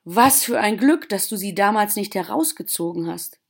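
A woman's voice: mid-range voice, animated, moderate pace. A woman voicing a grumpy old male gardener who grumbles and disapproves. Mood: touched.

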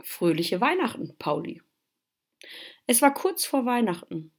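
A woman reads a children's Christmas story aloud. Her pitch sits in the middle range, and her delivery is lively and expressive. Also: measured pace, vocal fry, breathy edge.

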